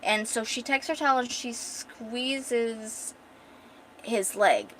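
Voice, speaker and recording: A woman's voice: on the high side, slow, fairly bright tone, slight background noise. A woman artist and streamer chatting casually while reading her comic script, rambling with many fillers and self-corrections.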